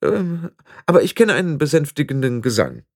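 A man voicing a frantic young witch who stammers in a high, strained voice for an audiobook. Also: sing-song, normal speed, creaky, a little mellow, dry recording, clean studio sound, full character voice. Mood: hesitant. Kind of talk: audiobook character voice.

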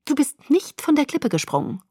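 A woman's voice: sits high, big pitch swings, normal speed, darkish tone, no room sound, studio quality, pitched above the performer's own voice. A woman voicing a stern, skeptical young woman who questions pointedly.

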